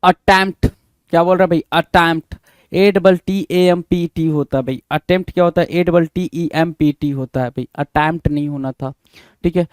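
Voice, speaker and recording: A male exam prep teacher, briskly going through a spelling quiz, spelling each word letter by letter and often saying bhai. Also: fairly high pitch, clear, resonant tone, no room sound. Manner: brisk, repeats and spells words letter by letter, calls listeners bhai.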